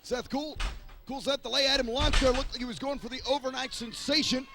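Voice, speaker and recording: A man's voice: extremely high pitch, fairly even intonation, a little fast, noisy background. A man giving live wrestling commentary with emphatic, dramatic phrasing.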